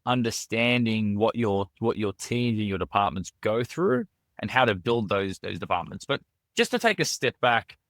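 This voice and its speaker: A restaurant founder with an Australian accent appears as a guest on a casual podcast interview, speaking earnestly with lots of "you know" fillers, repeated words, and restarts. His voice is lowish and a bit bright, with lively intonation and normal speed. The recording is studio quality with no echo.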